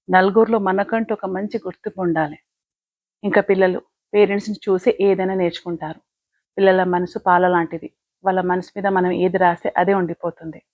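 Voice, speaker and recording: A woman's voice: on the low side, no echo, close to an everyday voice. Woman voicing a preachy older sister, firm and moralizing, dull dry home recording. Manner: lecturing, moralizing. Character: caring older sister scolding sister.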